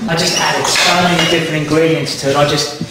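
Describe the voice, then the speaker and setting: A man's voice: a little high, flat delivery, fast. Chatty man, noisy kitchen. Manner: chatty, upbeat, self-mocking. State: out of breath. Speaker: reality show participant. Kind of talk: casual talk to camera. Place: home kitchen. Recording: noisy home recording.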